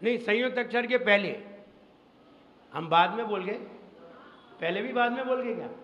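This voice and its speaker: A Jain monk teaches Sanskrit recitation to a class, speaking slowly, repeating every rule several times and quizzing his listeners between chanted verses. His voice is high-pitched and a bit bright, and the hall recording sounds dull and echoey.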